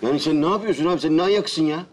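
A man's voice: fairly high pitch, racing, slight background noise, natural voice. An actor playing a neighbourhood man who teases a silent friend in an exasperated way. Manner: exasperated, teasing.

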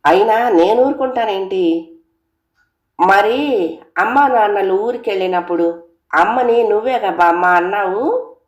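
A woman narrating a comic story in a lively, conversational first-person way. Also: mid-range voice, measured pace, long pauses. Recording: roomy echo.

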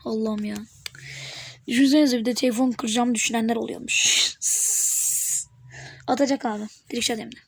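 A woman giving live gameplay commentary on her channel, excitable and teasing, talking back at the game as she plays. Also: a little high, a little fast, slightly rough. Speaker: gaming channel host.

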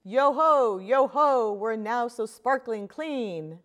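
A woman voicing a gang of boisterous little pirate children in a storybook read-aloud, loud and rowdy. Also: on the high side, animated, slow pace, voice pushed up.

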